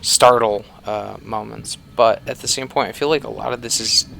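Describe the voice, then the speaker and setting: Male game reviewer, rambling and casual, low and gravelly, with steady background hiss. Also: normal speed. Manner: rambling with many fillers, sometimes muttering. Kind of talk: casual let's-play commentary.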